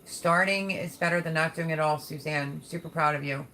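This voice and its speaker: A woman's voice: low-pitched, fairly even intonation, moderate pace, pushed and bright, slight background noise, poor audio. A woman hosting a casual live chat, talking in a folksy, affectionate way as she reads and answers viewer comments. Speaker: livestream host.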